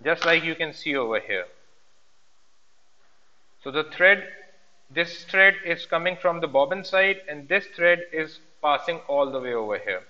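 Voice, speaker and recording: Man, higher-pitched, instructor demonstrating step by step, switches languages, muffled recording. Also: expressive, a little slow, long pauses, sharp tone. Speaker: sewing instructor. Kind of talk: hands-on practical demonstration, switching between two languages. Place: indoor workroom at a sewing machine. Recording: dull, reverberant room sound.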